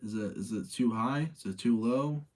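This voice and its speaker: A man with a mid-range, slightly mellow voice talks at normal speed while hosting a live movie-rating chat. He chats casually with his audience, voices firm opinions, debates himself, and repeats phrases for emphasis.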